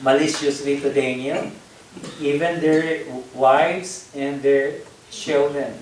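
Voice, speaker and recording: A man preaching a Bible study sermon, talking slowly and haltingly with many fillers and repeated words. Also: medium pitch, darkish tone, slight background noise. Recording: echoey room, picked up from a distance.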